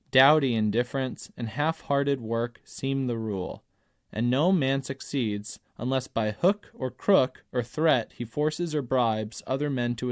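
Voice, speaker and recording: Brief: male audiobook narrator, average pitch, measured and emphatic, dry booth sound. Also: no room sound. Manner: measured, emphatic, slows on key phrases. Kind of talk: scripted narration of an essay.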